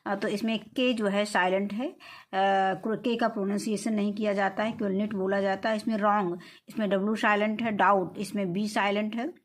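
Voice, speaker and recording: A woman teaching from an English textbook. She reads answers aloud slowly with an Indian English accent, then explains them in Hindi with frequent "uh" fillers. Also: medium pitch, fairly even intonation.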